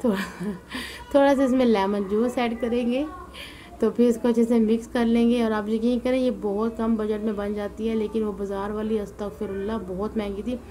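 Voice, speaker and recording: A woman, the host of a home cooking channel, giving a chatty, homely voice-over while tired and weary from fasting. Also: medium pitch, dark tone, a little hiss or hum, poor audio. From Punjab, Pakistan. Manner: chatty and homely, sprinkles devotional exclamations. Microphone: voice-over mic, not in the pictured kitchen.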